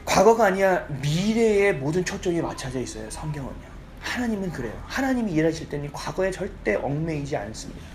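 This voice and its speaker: A man's voice: on the high side, brisk, slight background noise. A man preaching a conversational sermon in a church, often checking for the congregation's agreement. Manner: lively, keeps asking the congregation for agreement. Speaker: pastor. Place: church sanctuary.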